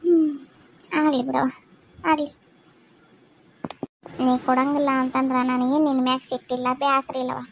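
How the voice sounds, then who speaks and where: A woman voicing an older village mother-in-law in a cartoon family drama, speaking softly and apologetically with a North Karnataka Kannada accent. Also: sits high, flat delivery, moderate pace, pauses often, slight background noise, pitched below the performer's own voice. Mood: remorseful. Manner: soft, pleading, apologetic.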